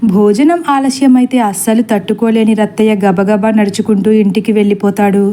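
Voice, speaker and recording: A woman narrating a horror story in a steady, dramatic storytelling manner. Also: mid-range voice, normal speed.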